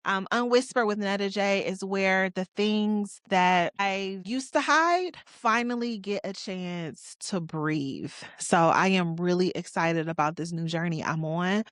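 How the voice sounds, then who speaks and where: A 40-year-old woman from Detroit, USA, hosts a solo podcast, talking candidly and reflectively about her life in a conversational way with casual slang. Her medium-pitched, fairly bright voice moves at a measured pace with hardly any pauses. The recording is dry and clean, studio-grade.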